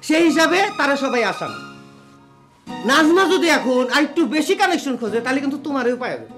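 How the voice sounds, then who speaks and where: High-pitched belligerent drunk Bangladeshi village father. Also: very animated, fast talker, music in the background. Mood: sarcastic. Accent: rural Bangladeshi. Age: middle-aged. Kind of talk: comic TV drama acting.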